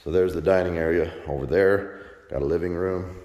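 A man giving a relaxed, plainspoken walkthrough tour of an empty house, filmed on a handheld phone. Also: sits low, muffled recording. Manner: relaxed, plainspoken, with frequent pauses and fillers. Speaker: real estate agent. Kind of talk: casual walkthrough tour narration. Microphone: handheld phone camera. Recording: echoey empty rooms.

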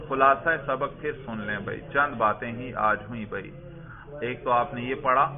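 A man teaching Arabic grammar in a classroom lecture. He reads lines of text aloud, explains them, and quizzes his students, often answering his own questions. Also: medium pitch. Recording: tinny phone-like lo-fi classroom recording.

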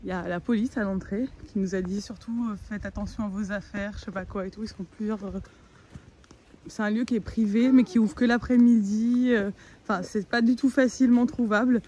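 A woman's voice: medium pitch, steady tone, brisk, warm tone. A woman, chatting casually to her vlog on a handheld phone. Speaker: travel vlogger. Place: outdoors on beaches, in a moving car. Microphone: phone at arm's length. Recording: noisy handheld phone, muffled, wind and car.

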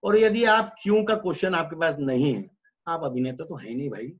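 A man's voice: fairly high pitch, a little fast. A man with an Indian Hindi accent, a theatre director speaking in an online workshop conversation, blunt and emphatic in an earthy teaching manner. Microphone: video call. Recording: muffled video-call audio.

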